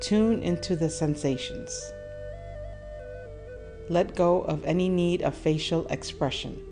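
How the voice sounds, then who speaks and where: Soothing and measured, this female meditation guide speaks low and slow, leaving deliberate pauses. Music plays clearly beneath her.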